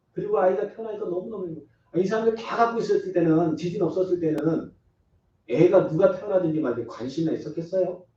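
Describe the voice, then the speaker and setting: A man with a high, mellow voice preaches as a pastor, delivering an earnest, emphatic sermon and acting out short quoted exchanges along the way. He's in a church sanctuary, captured from a distance in an echoey hall with dull sound.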